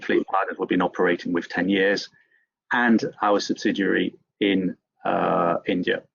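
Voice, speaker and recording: A man giving a business presentation to an industry webinar audience, halting often with fillers and restarts. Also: lowish voice, creaky, slightly rough, dry recording, highs cut off.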